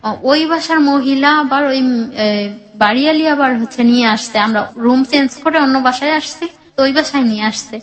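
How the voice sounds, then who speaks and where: A woman with a high voice speaks briskly, recorded roughly, as she tells her personal life story. It comes out rambling and emotional, full of restarts and acted-out quotes.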